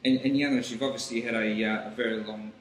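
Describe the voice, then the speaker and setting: A man's voice: lowish voice, fairly even intonation, fast. A man working as an interviewer, putting questions politely to a guest. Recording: echoey room, faint background noise.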